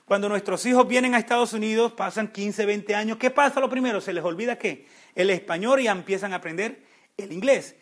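Man, very high voice, Bible class teacher, rhetorical questions, frequent restarts. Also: fairly quick. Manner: asks questions then answers them; restarts words often, animated.

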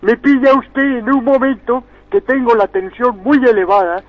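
A man's voice: very high voice, normal speed. A man voicing a pompous, indignant 106-year-old village man who calls in to a radio show and demands respect. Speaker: caller. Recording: muffled phone line.

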